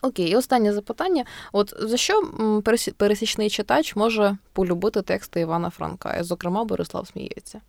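A woman hosting a podcast, asking questions and steering the conversation briskly. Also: mid-range voice, gravelly, darkish tone, no room sound, clean studio sound. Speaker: podcast host. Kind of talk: interviewing.

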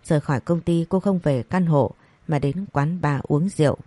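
A woman narrating a scripted story, reading each character's lines in the same even voice. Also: low voice, moderate pace, no echo. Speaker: audiobook narrator.

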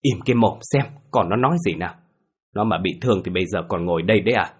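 A man voicing a stern, gruff old village father who gives orders to his family in a ghost story. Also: deep voice, fast. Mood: snapping. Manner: gruff, commanding.

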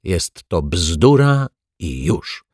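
A man voicing a calm, sensible detective who speaks gently but firmly in an audiobook. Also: deep voice, drawn-out words, husky, no room sound, clean studio sound, full character voice. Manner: gentle then firm, matter-of-fact. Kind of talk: audiobook character voice.

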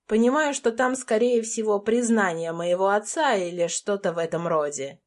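A young adult woman reading a first-person romance audiobook as an anxious, tense inner monologue. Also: mid-range voice. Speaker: audiobook narrator.

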